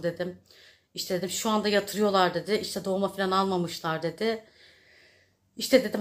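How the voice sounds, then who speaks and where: Woman vlogger, casual chatty storytelling, talks straight to her followers. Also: mid-range voice. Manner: chatty, addresses viewers directly.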